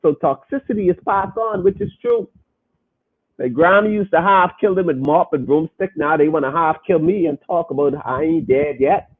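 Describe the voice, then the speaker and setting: In a casual, preachy podcast segment, a male host with a high, husky voice reads listener comments and talks directly to his audience, stressing every point hard. He moves at a normal speed, and the audio is thin and narrow, as though heard over a phone line.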